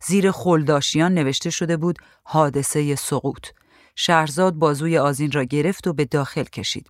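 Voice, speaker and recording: A woman reading a story aloud in a calm, even voice. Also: sits low, no echo, clean studio sound. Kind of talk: storybook narration.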